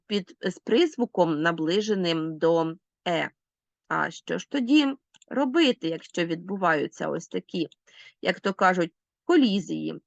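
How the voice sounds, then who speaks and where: A woman teacher talks her pupils through a recorded lesson, stretching out example words so every sound is heard. Her pitch moves a lot, up and down, and her voice is captured dry, with no room sound. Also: no room sound, lo-fi sound. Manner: clear, deliberate enunciation, slowing to spell out sounds. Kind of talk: recorded language lesson for schoolchildren.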